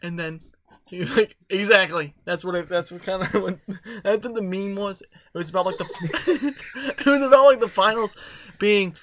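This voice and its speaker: A man's voice: high voice, moderate pace, a crowd in the background. A young man hosting a casual podcast, telling work stories in a rambling way with laughs. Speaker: podcast host. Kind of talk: casual chat.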